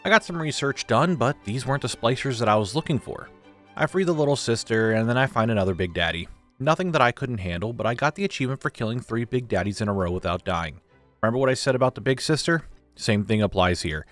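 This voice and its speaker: A young man narrates his gameplay in an informal, joking way. His voice sits at an average male pitch, with faint music underneath. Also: expressive, fast talker, a bit bright. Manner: informal, joking, occasional swearing. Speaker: gaming video creator. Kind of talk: casual scripted gameplay recap narration.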